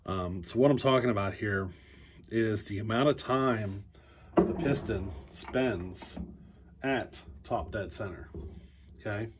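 A man in his forties with a lowish, slow voice teaches chainsaw work in a basement workshop, speaking easily to a phone camera held close. He thinks aloud with fillers and restarts in this casual how-to, and the background is noisy.

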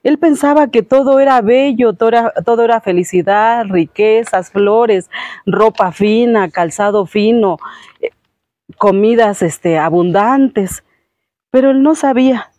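A woman retells a fairy tale in a relaxed, homely way, full of little fillers and restarts. Her voice sits a little high and the sound is close and dry. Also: unhurried, no room sound. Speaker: host retelling a story. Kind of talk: casual storytelling.

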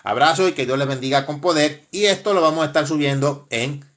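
Slightly high, mocking male live-streamer. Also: brisk, fairly bright tone. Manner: mocking, laughing, exclaims often. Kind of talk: casual live-stream commentary.

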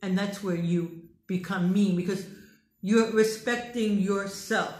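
A woman's voice: medium pitch, fairly even intonation, slow, darkish tone, faint music behind. An American woman speaking as a dating coach, giving emphatic, preachy advice and repeating her phrases for emphasis. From United States. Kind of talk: direct advice monologue. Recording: roomy echo.

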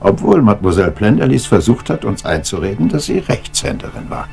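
Hercule Poirot, theatrical and animated, over music. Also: male voice, on the low side, brisk, creaky. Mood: triumphant, deliberate. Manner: pedantic, dramatic, drops in French phrases. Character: fussy, theatrical Belgian detective, methodical and self-assured. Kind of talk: German radio crime drama acting.

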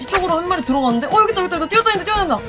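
A woman streaming a game with friends in a high, lively voice. She is playful and excitable, often repeating words. Loud music plays behind her. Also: very fast. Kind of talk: casual gaming banter during a horror game.

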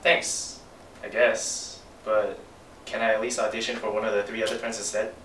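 A man's voice: lowish voice, level tone, normal speed, a bit bright. Young man acting in a roomy student skit. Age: young adult. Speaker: student actor playing an auditioning actor. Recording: roomy, distant, faint noise.

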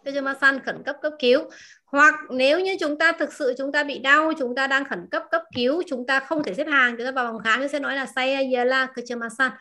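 Woman language teacher, crisp bright tone, patient drills and questions. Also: sits high. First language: Vietnamese. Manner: repeats words slowly, asks the class questions. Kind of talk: explaining vocabulary to a class.

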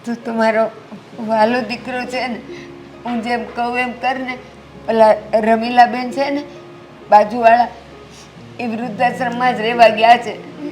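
A woman's voice: fairly high pitch, flat delivery, unhurried, long pauses, darkish tone, faint music behind, natural voice. An actress playing a frail elderly mother-in-law who pleads plaintively for sweet tea. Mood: tearful. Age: older.

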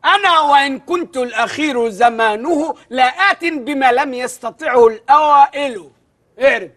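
An actor playing a loud, bossy, old-fashioned male Arabic teacher who scolds in a comically indignant way. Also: very high-pitched, lively intonation, very fast, husky, heavily acted. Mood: mocking. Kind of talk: comedy film acting.

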